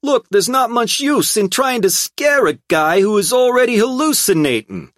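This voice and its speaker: A man reading an audiobook voices a brash, sneering mob lawyer in a loud, high-pitched, dismissive tone. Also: lively intonation, moderate pace, dry recording, clean studio sound. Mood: contemptuous.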